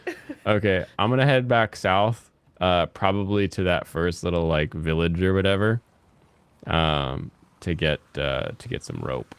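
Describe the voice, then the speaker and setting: A young man with a low, resonant voice chats casually through a gaming session. He rambles, restarts and fills gaps with "like" and "um" as he plays. The sound is close and dry, with no room around it. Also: smooth, dry recording. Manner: rambling, halting, with frequent fillers. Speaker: gaming host. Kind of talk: casual gameplay chat.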